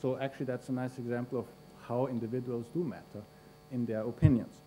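A middle-aged man from Austria introducing a speaker at a podium in a university lecture hall, pausing often with fillers. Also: mid-range voice, steady tone, dark tone, a little hiss or hum. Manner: hesitant, many fillers. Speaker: conference host introducing a speaker. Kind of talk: formal introduction. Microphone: podium mic.

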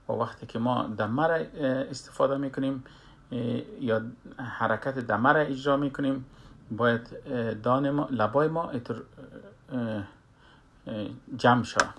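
A man teaches a recitation lesson at an unhurried pace. His delivery is hesitant, broken up by long pauses and drawn-out filler sounds. His voice sits at an ordinary middle pitch. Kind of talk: slow spoken lesson with demonstrations.

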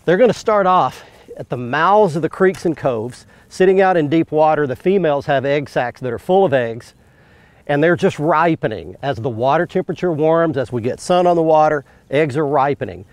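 A middle-aged man hosting a fishing show from a boat on a lake, explaining technique and getting excited when a fish bites. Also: a little high, normal speed, no room sound. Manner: explanatory, bursts into excited asides on catches. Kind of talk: on-the-water fishing instruction.

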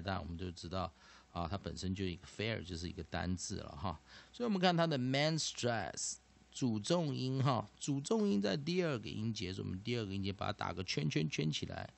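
A man teaching a vocabulary and pronunciation lesson, explaining slowly and deliberately. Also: fairly low pitch, vocal fry.

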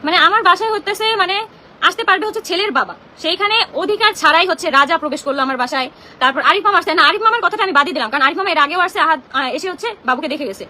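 Fast, high-pitched, indignant young woman. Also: animated, sharp tone, slight background noise. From Bangladesh. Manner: agitated, indignant, rapid-fire and confrontational. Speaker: social media content creator. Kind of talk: heated live-stream rant. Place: home.

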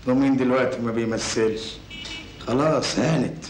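A man's voice: mid-range voice, moderate pace, close to an everyday voice. An actor playing a scheming, boastful con man, speaking with an Egyptian accent in an old film. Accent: Egyptian Arabic. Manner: boastful, cocky, teasing. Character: scheming smooth-talking male con man. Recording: echoey film soundtrack with hiss.

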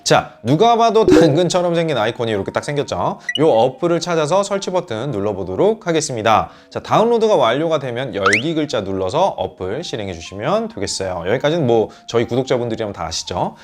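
A man's voice: mid-range voice, fairly quick, hardly any pauses, a little hiss or hum. A young man hosting a smartphone tutorial for parents, explaining each step in a friendly way and addressing viewers as mothers and fathers. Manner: addresses viewers as mothers and fathers, lively rising and falling delivery.

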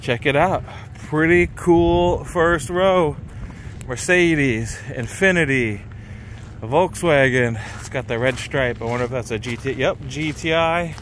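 A man in his thirties vlogging casually while walking through an outdoor car lot, excited and chatty, filmed on a handheld camera at arm's length. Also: on the high side, slow pace, slight background noise. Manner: excited, chatty, laughs often. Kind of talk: casual vlog walkthrough. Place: outdoor impound parking lot.

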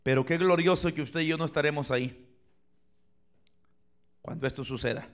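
A man preaching a sermon in a church, asking the congregation questions and swinging from loud cries to near-whispers. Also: on the high side, normal speed. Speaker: pastor. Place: church sanctuary, filmed for online viewers.

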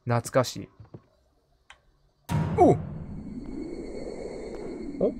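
Animated male game streamer. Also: medium pitch, very slow, music in the background. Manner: playful muttering to himself, repeating short phrases. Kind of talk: live gaming commentary, casual.

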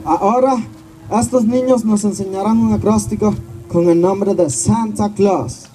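A man's voice: high-pitched, fairly even intonation, measured pace, warm tone. A man playing a schoolteacher leading children at a Christmas party in an amateur stage play. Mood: announcing. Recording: noisy distant amateur stage recording.

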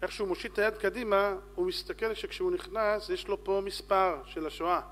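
A man, a rabbi, telling a story in a sermon and acting out shouts and dialogue. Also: high-pitched, fairly even intonation. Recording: long hall reverb.

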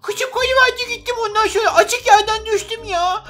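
A man's voice: very high voice, moderate pace, bright, forceful tone, voice pushed up. A man voicing a whiny, clumsy young boy in a game role-play. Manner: whiny, calls out for dad. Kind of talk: Roblox role-play voice acting.

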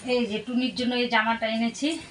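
A woman's voice: on the high side, level tone, normal speed, slight background noise. An older woman, chatting casually and homely in a family vlog. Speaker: vlogger.

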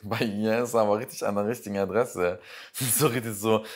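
A man's voice: lowish voice, fairly even intonation, a little fast. A man giving casual reaction commentary, sarcastic and exasperated, rambling as he picks apart what he watches.

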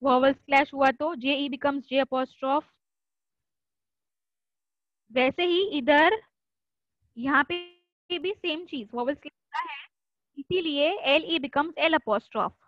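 High-voiced woman drilling French grammar. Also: slow, pauses often, no echo, lo-fi sound. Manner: repeats and drills pronunciations, quizzes students by name. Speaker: French tutor. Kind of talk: online class, explaining in Hindi and English. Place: online video class.

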